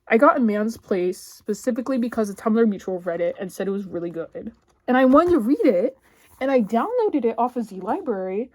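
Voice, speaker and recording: A woman's voice: on the high side, dry recording. Chatty rambling woman book vlogger. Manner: chatty and rambling, heavy filler words, sudden squealy outbursts. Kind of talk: casual rambling chat.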